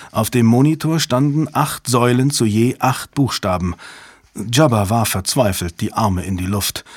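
A man narrating a thriller audiobook in a steady, even storytelling manner on a close microphone. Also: mid-range voice, no echo. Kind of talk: scripted narration.

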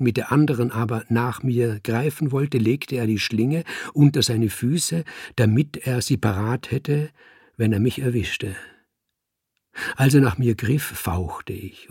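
A man narrating a first-person story in a measured, vivid reading style. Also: mid-range voice, vocal fry, darkish tone, breathy edge, no echo, studio quality.

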